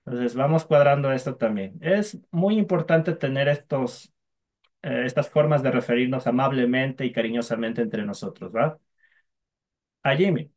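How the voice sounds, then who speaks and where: A man's voice: medium pitch, moderate pace, a little mellow. Guy teaching a language class, patient, has students repeat sounds after him.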